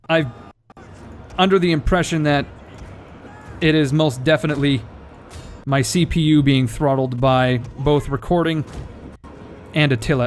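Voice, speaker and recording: A man casually commentating a strategy game, thinking aloud and swearing now and then, his audio cutting in and out with uneven volume. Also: fairly high pitch. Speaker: gameplay commentator.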